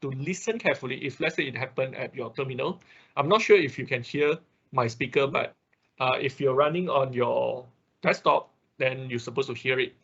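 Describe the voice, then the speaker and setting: Over dull, lo-fi online audio, a male robotics programming instructor whose first language isn't English leads a live screen-share tutorial one step at a time, frequently asking "okay?" and "right?" He talks at a normal speed in a medium pitch, with vocal fry, a breathy edge, and a fairly bright tone.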